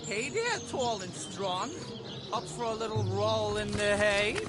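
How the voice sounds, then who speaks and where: A man's voice: high voice, animated, normal speed. An actor playing a theatrically seductive, wheedling man full of cheesy flirtation in a video game. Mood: flirtatious, teasing. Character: flirtatious male barker spouting cheesy pickup lines. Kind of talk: video game character acting. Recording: music behind the voice.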